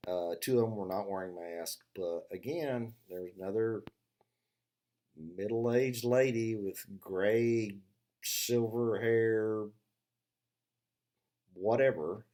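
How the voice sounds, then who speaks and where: A man's voice: fairly low pitch, dark tone. An older man telling funny stories in a casual, rambling monologue, full of "uh" fillers and restarts, sarcastically acting out both sides of a conversation. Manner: sarcastic storyteller who acts out both sides of a dialogue. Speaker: vlogger.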